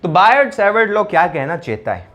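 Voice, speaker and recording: Male physics teacher, high voice, chatty, repetitive classroom delivery. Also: big pitch swings, brisk, fairly bright tone, dull audio. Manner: conversational, repeats phrases, asks "yes or no?" often. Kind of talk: classroom lecture.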